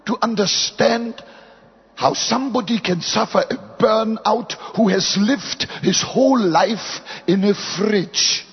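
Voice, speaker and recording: An older man preaches a sermon in short, measured phrases, pausing for his interpreter and sometimes rising to a shout. He speaks very slowly with a very husky voice. The sound is dull and echoes through a large hall. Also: high voice. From Germany.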